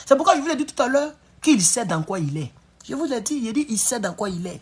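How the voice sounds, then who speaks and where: A man giving excitable, emphatic political commentary on a live stream. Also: extremely high pitch, quick pace, breathy edge.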